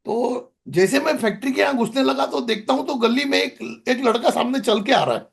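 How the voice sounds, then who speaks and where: Man, middle-aged, high gravelly voice, rambling anecdotal storytelling, podcast guest. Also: lively intonation, fairly quick. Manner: rambling anecdotal telling with many restarts. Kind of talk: storytelling in casual conversation.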